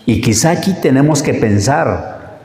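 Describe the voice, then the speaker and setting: A man with a Mexican accent preaching a sermon, animated, acting out short quoted exchanges and asking many rhetorical questions. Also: mid-range voice, measured pace. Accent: Mexican Spanish. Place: church hall. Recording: echoey church hall with long reverb.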